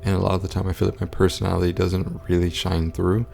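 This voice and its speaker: A man talking low and quietly, as in a sleeping house at night, in a monotone, stoic way for a casual vlog update. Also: quick pace, vocal fry, faint music behind. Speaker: content creator.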